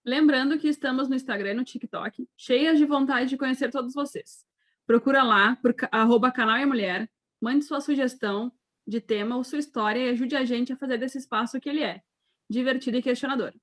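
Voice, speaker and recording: High-voiced upbeat thirties woman co-host. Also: fairly quick, a bit bright. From Rio Grande do Sul, Brazil. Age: 30s. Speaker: podcast co-host. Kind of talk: podcast chat and scripted reading.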